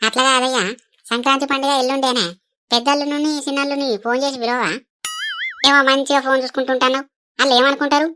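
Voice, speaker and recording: A woman with a Telangana accent acting in a village comedy skit, nagging with quick retorts. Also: high voice, little pitch movement, bright, forceful tone, clean tone.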